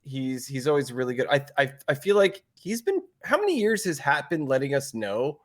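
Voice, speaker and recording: A man's voice: mid-range voice, sing-song, moderate pace. A Canadian man co-hosting a podcast in casual chat, laughing often and stumbling through restarts. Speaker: podcast co-host.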